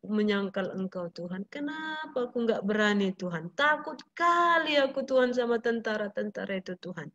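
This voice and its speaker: A woman's voice: fairly high pitch, lively intonation, normal speed. A woman voicing a remorseful, pleading Peter. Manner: soft, pleading prayer. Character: weeping remorseful apostle Peter, man. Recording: muffled lo-fi recording.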